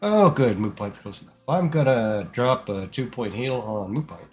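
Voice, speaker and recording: A man's voice: mid-range voice, expressive, normal speed, soft background music. A man talking casually as a player in a tabletop game.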